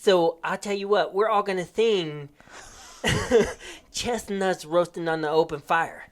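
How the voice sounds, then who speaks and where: A man voicing a tall male drill sergeant with a lisp and a slightly high voice, barking mock-festive orders. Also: slow pace. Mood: mocking stern. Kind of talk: impression within a story.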